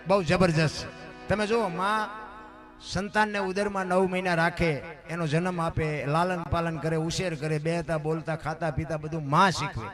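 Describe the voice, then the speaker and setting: A man's voice: on the high side, fairly even intonation, moderate pace, music in the background. A man telling a folk story in a sermon, acting out villagers' voices. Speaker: storyteller preacher.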